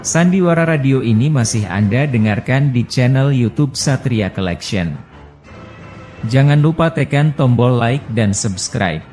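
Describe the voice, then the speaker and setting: A man's voice: medium pitch, lively intonation, unhurried, darkish tone. A man announcing in the style of an old radio serial, reading a scripted promo. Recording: music behind the voice.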